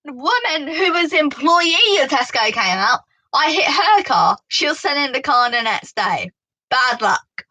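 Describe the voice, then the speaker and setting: A woman with a British accent tells her story casually to the camera, talking in an animated rush of "like" and "you know." Her voice sits a little high and sounds bright and clear. The sound is dry and close, with no room echo. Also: a little slow. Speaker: vlogger giving driving advice.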